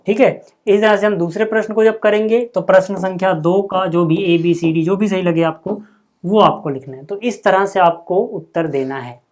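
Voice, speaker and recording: A man's voice: sits high, moderate pace, a little mellow. A man teaching a maths lesson in a casual classroom way, explaining step by step and often checking in with the students. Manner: chatty, repeats "ठीक है", calls viewers "भाई" and "यार".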